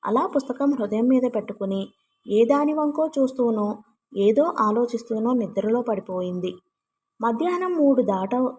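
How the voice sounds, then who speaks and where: Brief: female storybook narrator, slightly high voice, even novel reading, faint hiss behind.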